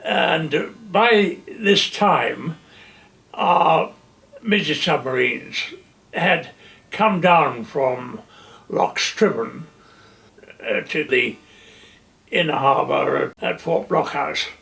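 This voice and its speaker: Older man, slightly high gravelly voice, slow halting recollection, distant mic. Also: expressive, fairly bright tone. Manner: halting, with many pauses and fillers. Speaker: retired general interviewee. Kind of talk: wartime reminiscence.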